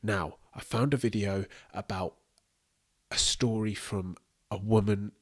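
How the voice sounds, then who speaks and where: A man hosting a commentary video, speaking in a calm, measured way. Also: fairly low pitch. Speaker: host.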